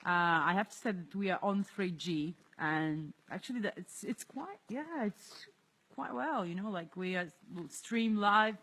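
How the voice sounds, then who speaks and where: Soft spoken guy streaming live outside, thoughtful, second-language english. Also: high-pitched, unhurried. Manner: soft-spoken, reflective, laughs often. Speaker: livestream host. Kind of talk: casual livestream vlog. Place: outdoors in an abandoned area.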